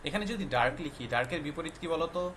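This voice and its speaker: A man's voice: a little high, expressive, fast, fairly bright tone, a little hiss or hum. A male teacher patiently explaining a lesson to young children, quizzing them often and mixing English words into his explanations. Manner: patient, quizzing with frequent questions.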